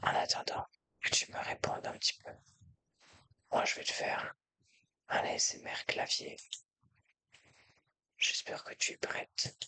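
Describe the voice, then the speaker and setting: A man whispering breathily right in the listener's ear in a soft ASMR style. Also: unhurried, pauses often, no room sound. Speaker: ASMR video creator. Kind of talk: ASMR, soft-spoken personal attention.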